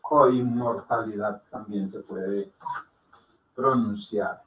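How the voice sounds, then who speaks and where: A man teaching a class, explaining patiently and repeating words slowly, often checking with "ok?". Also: lowish voice, steady tone, phone-quality sound, a little hiss or hum. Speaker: Hindi teacher.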